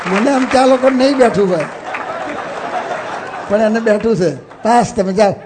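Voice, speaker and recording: A man giving a sermon and guiding a ritual, mixing English phrases into his talk and gently directing children on a stage. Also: high voice, moderate pace, a loud crowd, very noisy. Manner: instructive, mixes English phrases into speech. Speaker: religious speaker leading an assembly. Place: stage before an audience.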